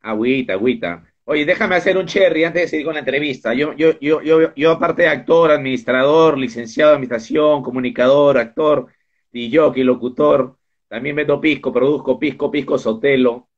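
A man's voice: medium pitch, fairly quick. Chatty man hosting over a dull line. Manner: chatty, jumps between topics with asides. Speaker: interviewer and host. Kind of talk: casual online interview. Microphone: video call.

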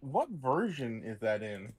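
A man playing a modded game with a friend, chatting casually and teasing him with deadpan jokes. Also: medium pitch, slow, slightly rough. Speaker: co-op gaming guest.

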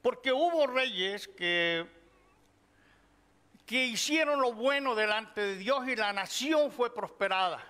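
Middle-aged preacher guy, unhurried bible teaching, church hall echo. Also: extremely high pitch, sharp tone. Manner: slow, measured Bible teaching, addressing listeners as brothers. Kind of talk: sermon. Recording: long hall reverb.

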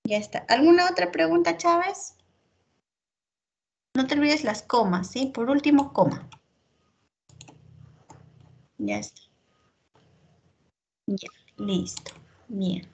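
A woman teacher, giving feedback in an online class and checking in constantly with her student between filler pauses. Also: sits high, sing-song, vocal fry.

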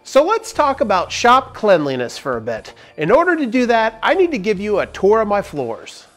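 A woodworking host in his forties, high-pitched and a bit bright, talks at normal speed with huge pitch swings. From a large barn workshop he delivers an upbeat, joking, explanatory tool review into a lapel mic.

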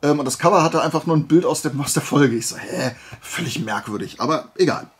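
Presenting his flea market haul, a man talks to viewers in a fairly high, brisk, slightly rough voice. He keeps it colloquial and playful, rambling into small digressions.

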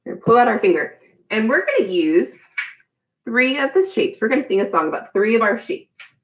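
A woman in her thirties, working as a preschool teacher, leads a children's storytime lesson with songs from a small room at home. Her slightly high voice is very animated and brisk, encouraging the kids and asking simple questions, though the recording sounds muffled.

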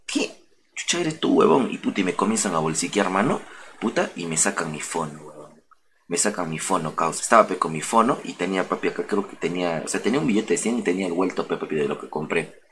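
Slangy young Peruvian man, low voice. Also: fast talker, a bit bright, slight background noise. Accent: Peruvian Spanish. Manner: slangy, swearing, colorful street talk. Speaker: streamer. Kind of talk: casual storytelling on a stream.

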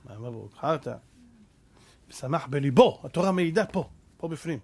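A man's voice: fairly high pitch, expressive, darkish tone, breathy edge. A man preaching a Torah sermon as a rabbi, fervent and full of rhetorical questions, mixing street slang with scripture.

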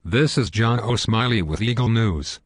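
A man's voice: fairly low pitch, moderate pace, slightly rough, no room sound, studio quality. A synthetic male voice playing a smug, belligerent parody news anchor in a scripted cartoon newscast, stiff and pompous.

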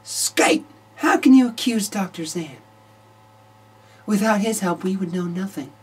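A man's voice: high voice, animated, unhurried, breathy edge, recorded from a distance, voice pushed up, heavily acted. A man reading a young woman fighter's lines from a game, scolding a teammate in a mock-earnest way.

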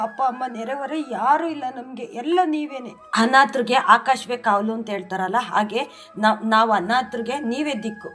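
A middle-aged woman pours out a fervent spoken prayer, pleading directly with the deity. Her voice sits a little high. Soft music plays faintly behind her. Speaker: devotional channel host.

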